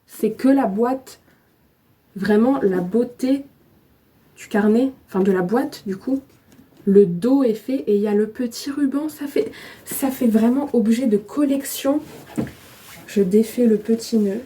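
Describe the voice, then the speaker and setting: A woman chatting casually as she unboxes items at home on her bed, gushing and excitable, with plenty of fillers. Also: on the high side, measured pace. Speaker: vlogger.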